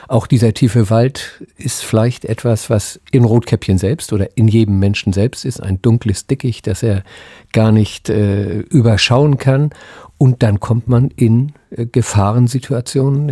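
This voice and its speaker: A middle-aged man giving expert explanations in a radio interview, thoughtful and halting, pausing mid-phrase. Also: lowish voice, dark tone, dry recording, studio quality. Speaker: psychoanalyst and academy president, interview guest.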